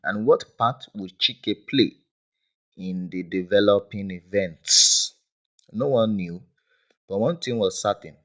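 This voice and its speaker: A man's voice: lowish voice, takes it slowly, low-quality recording. A man narrating a dramatic folk tale in a grave storytelling manner. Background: loud background music.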